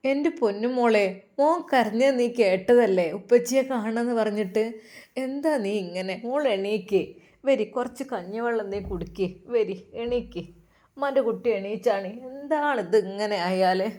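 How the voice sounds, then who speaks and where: A woman voicing an older mother who softly coaxes and soothes her grieving daughter. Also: on the high side, moderate pace, lightly acted. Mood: soft coaxing. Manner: soft, coaxing.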